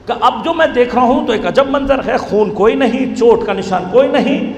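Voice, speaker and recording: A man's voice: extremely high pitch, animated. A male preacher giving a religious sermon, telling a story and building to impassioned, wailing appeals. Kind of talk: Shia majlis sermon. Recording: echoey hall recording, faint background noise.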